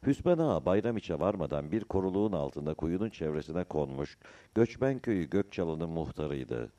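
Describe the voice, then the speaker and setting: Deep-voiced male audiobook narrator. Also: very animated, dark tone. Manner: measured, storytelling delivery. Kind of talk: scripted novel narration.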